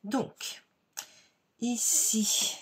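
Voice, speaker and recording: A woman hosting a card-making tutorial at her home craft table, explaining each step in a chatty, unhurried way with many fillers. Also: on the high side, a bit bright, slight background noise.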